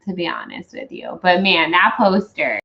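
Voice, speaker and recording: A woman's voice: fairly low pitch, sing-song, moderate pace, vocal fry, pushed and bright. Tipsy woman rambling in dull lo-fi sound. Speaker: movie reviewer and host. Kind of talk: casual tipsy movie review chat.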